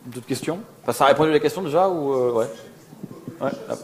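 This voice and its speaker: At an informal conference Q&A, a male software developer fields audience questions in casual, self-deprecating slang. His voice is medium-pitched, a little mellow, and he talks fast.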